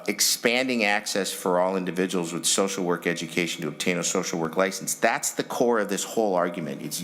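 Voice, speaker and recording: A man gives a loose, semi-formal presentation of a bill. His voice is low and creaky. He moves haltingly, rambling through broken phrases. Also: a bit bright.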